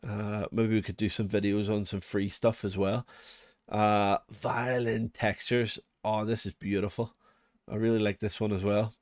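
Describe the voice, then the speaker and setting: Unhurried and flat in delivery, this man from Northern Ireland walks viewers of his music production channel through a casual, unscripted tutorial. His voice is on the low side, his manner chatty, rambling and self-deprecating, and the studio-quality audio has no echo.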